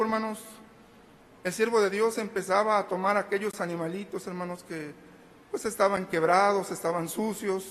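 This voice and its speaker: Pastor guy preaching, really high voice, calls everyone brethren, gets loud and teary. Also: slight background noise. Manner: preaching, repeatedly addressing listeners as brethren; builds to emotional shouting with a tearful voice. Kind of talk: sermon.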